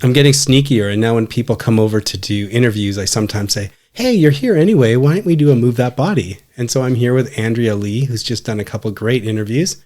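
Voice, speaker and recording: A man's voice: mid-range voice, fast, hardly any pauses, darkish tone. A man, casually hosting and interviewing on a podcast. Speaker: podcast host.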